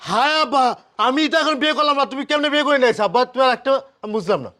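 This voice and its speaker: A man's voice: very high-pitched, expressive, racing, sharp tone, exaggerated voice. A man playing a wailing, indignant jilted son. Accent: Bangladeshi colloquial Bengali. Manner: wailing, accusing and pleading.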